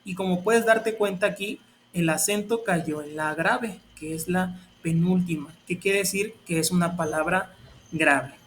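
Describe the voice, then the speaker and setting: High-voiced teacher explaining patiently. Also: male voice, a bit bright, a little hiss or hum. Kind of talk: explaining a grammar lesson.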